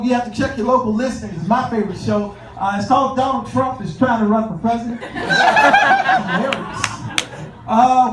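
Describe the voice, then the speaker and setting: A man performing a stand-up comedy set in a club, telling stories with lots of "uh" pauses and acting out both sides of conversations. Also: extremely high pitch. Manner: conversational storytelling with filler pauses, acts out both sides of dialogues. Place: comedy club stage with audience laughter. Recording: echoey room, from a distance, noisy.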